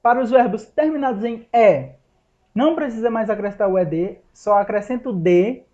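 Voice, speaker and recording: A man teaching an English lesson in Portuguese, explaining each rule step by step and slowing down to spell out the English examples. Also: high-pitched, mellow. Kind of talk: recorded online lesson. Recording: dull lo-fi recording.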